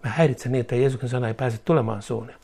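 A man voicing a sly, gloating male demon in a low, hushed, sneering voice. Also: steady tone, creaky, breathy edge.

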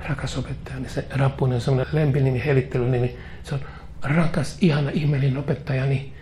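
A man's voice: medium pitch, steady tone, background noise. A man preaching a fervent sermon, emphatic and full of repetitions.

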